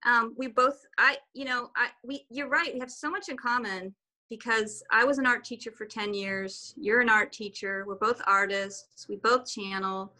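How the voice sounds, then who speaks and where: Her voice is on the high side, steady and bright, with a forceful quality and normal speed. The woman, a guest artist whose first languages are German and Swiss German, talks informally on a video call, rambling somewhat with restarts.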